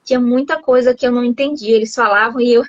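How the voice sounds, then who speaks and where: A woman's voice: fairly high pitch, steady tone, quick pace, dry recording. Chatty Brazilian woman on a lo-fi call. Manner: chatty, laughs often, many restarts. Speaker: host, English teacher living abroad. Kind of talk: casual video-call chat.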